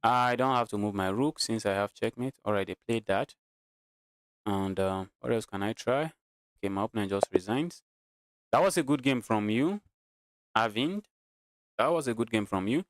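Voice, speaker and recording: A man from Nigeria streams chess, casually narrating his own game live with a Nigerian accent, thinking aloud, repeating himself and chatting to viewers. He speaks at normal speed in a fairly low voice, pausing often.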